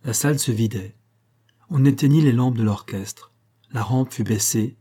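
A man narrating a classic French novel as an audiobook, at a measured, even pace. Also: mid-range voice, slightly rough. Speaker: audiobook reader.

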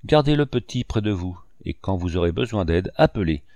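A grave old ship's doctor, earnest and gently reproachful, as a male reader voices him. The tone sits fairly low and the sound is close and dry, with no room around it. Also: lively intonation, fairly quick, no echo. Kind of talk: audiobook dialogue reading.

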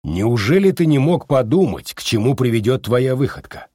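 A man voicing a quiet, controlled male consul who leads an alliance in an audiobook. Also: mid-range voice, sing-song, normal speed, slightly rough, no echo, clean studio sound. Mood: weary. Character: quietly menacing middle-aged male alliance leader.

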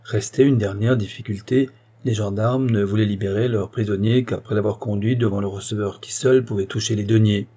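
A man reading a classic story aloud as an audiobook narrator, in a measured storytelling manner. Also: lowish voice, fairly even intonation, mellow. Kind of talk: scripted narration.

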